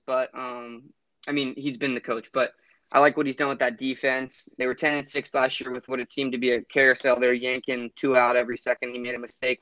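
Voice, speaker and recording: A man's voice: mid-range voice, fairly bright tone, no echo, muffled recording. Rambling man talking football. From Florida. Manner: rambling, lots of fillers and restarts. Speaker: podcast co-host. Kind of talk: casual sports chat.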